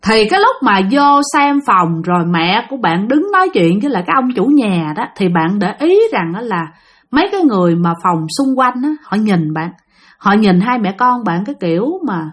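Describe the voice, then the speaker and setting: A woman narrating ghost stories sent in by listeners, in a chatty, animated way that speaks straight to the audience. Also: mid-range voice. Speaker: storyteller host of a ghost-story channel. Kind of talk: storytelling narration.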